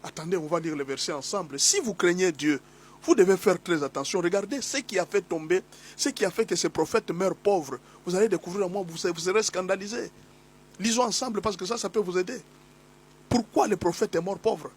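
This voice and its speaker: Preaching with a cold, a man serving as pastor speaks in a high-pitched, slightly hoarse voice and moves a little fast. His sermon teaching is emphatic and repetitive as he exhorts his listeners.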